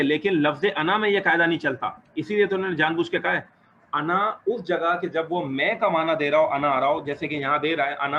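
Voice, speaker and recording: A male teacher leads an Arabic grammar class, asking questions and encouraging his students as he explains. His voice sits fairly high. The recording is dull and lo-fi, with faint background hiss. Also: bright, forceful tone.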